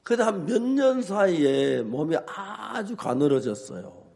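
An older man, a pastor, preaching with humor and telling animated stories, acting out his own shouts and both sides of a quarrel. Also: high-pitched, measured pace, gravelly. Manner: animated storytelling, acts out shouts. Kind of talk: humorous sermon.

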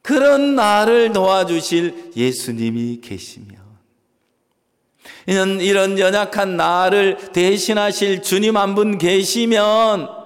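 A man preaches a sermon in a church sanctuary, his voice pitched high and very animated. He swings between loud, stressed phrases and soft asides. Long reverb hangs in the hall around him. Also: slow pace. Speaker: pastor.

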